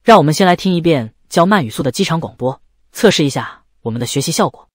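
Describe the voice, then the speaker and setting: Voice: medium pitch, lively intonation, fast talker, very noisy. A language lesson presenter giving scripted, methodical explanations as instructional narration.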